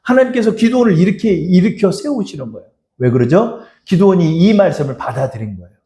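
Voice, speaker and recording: A man's voice: high voice, very animated, fast, mellow. A male pastor preaching a sermon in a church, exhorting the congregation and speaking to them in God's voice. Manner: exhorting, speaks directly to listeners as God. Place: church sanctuary. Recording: echoey church hall.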